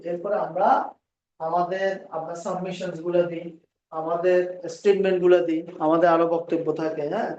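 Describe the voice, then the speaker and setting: A male law lecturer with a Bangladeshi accent, giving a classroom lecture, dictating legal phrases slowly and often checking that students follow. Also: high voice, flat delivery, darkish tone, a little hiss or hum. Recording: distant, echoey, dull room recording.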